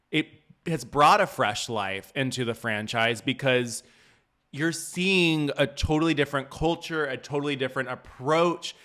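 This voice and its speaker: Male podcast interviewer, slightly high and bright, conversational. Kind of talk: casual interview chat.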